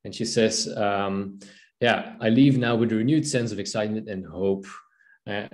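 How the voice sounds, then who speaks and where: His voice is on the low side and a little mellow, with fairly even intonation and normal speed. He's a Belgian man in his thirties, a native Dutch speaker with a Belgian Dutch accent, teaching and presenting an online language-learning talk over a video call from a home room. He stays friendly while filling his speech with fillers and restarts, and the room is echoey.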